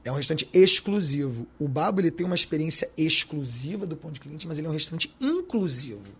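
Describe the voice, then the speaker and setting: A man's voice: a little high, big pitch swings, fast, husky. A man with a Carioca accent, a restaurant owner talking in an interview, slangy and emphatic. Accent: Carioca Portuguese. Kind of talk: podcast interview.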